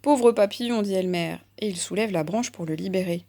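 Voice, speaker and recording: Woman, storybook narrator, calm, even reading, children's story. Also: on the low side, brisk, gravelly.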